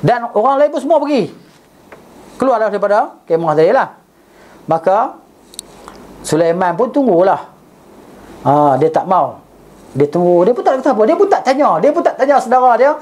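Guy teaching a religion class, mellow voice, tells it like a story, keeps asking the room "right?". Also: high-pitched, normal speed, long pauses. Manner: animated storyteller, recites Arabic then explains it.

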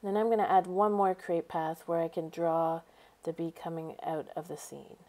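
A woman's voice: lowish voice, flat delivery, moderate pace, mellow. A woman teacher narrating a screencast tutorial, explaining each step in an upbeat way. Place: voice-over over a screen recording.

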